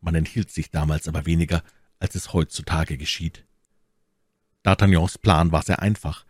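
A man narrating a classic novel as an audiobook in a measured, even manner. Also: extremely low pitch, breathy edge, no room sound, clean studio sound.

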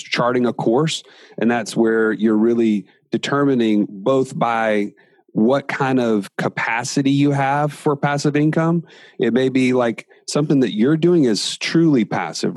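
A man who is a guest entrepreneur in a podcast interview, explaining things step by step with energetic asides. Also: medium pitch, a little slow, no echo.

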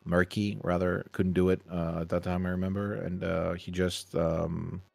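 A man's voice: low voice, level tone, moderate pace, gravelly, darkish tone, no echo. A man chatting casually as a podcast co-host, rambling and hesitant with frequent restarts. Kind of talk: casual chat.

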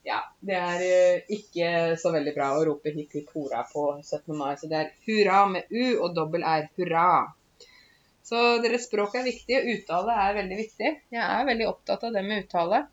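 A woman's voice: fairly low pitch, dull audio. Woman explaining words with fillers. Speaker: Norwegian language teacher. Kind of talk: casual spoken language lesson.

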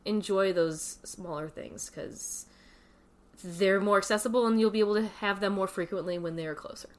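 A woman's voice: medium pitch, moderate pace. A woman in her thirties talking casually and reflectively as an interview guest, recorded indoors in a wooden cabin. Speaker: podcast guest. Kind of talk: casual, reflective personal chat.

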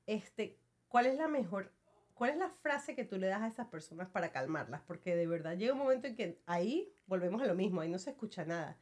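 A woman hosts a casual conversation with a guest. She asks her questions softly and at a measured pace. She often lets her voice drop as she talks. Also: mid-range voice, expressive. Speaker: interview host.

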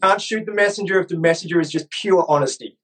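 A man's voice: sits high, quick pace, fairly bright tone, slightly rough, rough recording. A man co-hosting a live stream, ranting profanely and mimicking people in silly voices. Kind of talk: profane casual rant.

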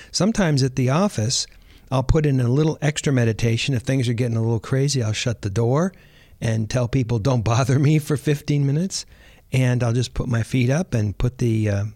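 A man hosting a podcast, talking in a relaxed, chatty way and often repeating words as he thinks. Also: mid-range voice, no room sound, clean studio sound. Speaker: podcast host. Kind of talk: casual podcast talk.

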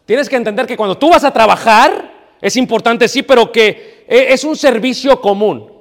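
A man's voice: very high-pitched, moderate pace, in a large hall. A male pastor preaching a sermon, scolding his congregation and asking them questions he answers himself. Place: church hall.

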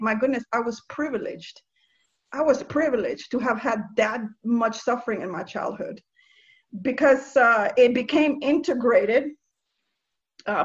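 Interview guest: woman from Nicaragua, slightly high pitch, earnest and halting, lo-fi, dull recording. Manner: earnest, halting, with many restarts and soft laughs. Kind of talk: reflective spiritual conversation.

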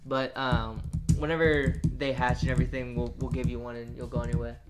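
A man's voice: mid-range voice, level tone, fairly quick, over loud music. A man running a tabletop game as game master, speaking for the locals with hesitant ums and frequent laughs. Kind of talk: voicing a city official in a tabletop game.

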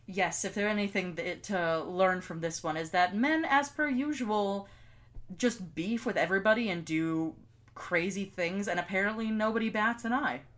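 Mid-pitched woman in casual podcast chat. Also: moderate pace, fairly bright tone. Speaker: podcast co-host. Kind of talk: casual chat, reacting to a story.

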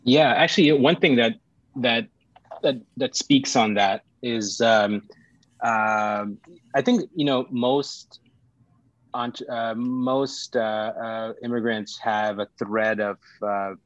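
A middle-aged man born in Sri Lanka, a startup founder talking as a podcast guest, pausing and restarting often. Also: medium pitch, no room sound, lo-fi sound. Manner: halting, many restarts and fillers. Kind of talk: casual interview talk.

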